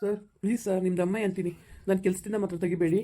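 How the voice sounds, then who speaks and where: A woman's voice: mid-range voice, flat delivery, very fast, mellow, a little hiss or hum, natural voice. A woman playing a young married man who begs and stammers after losing his job, in a village skit. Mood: pleading. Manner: pleading, stammering.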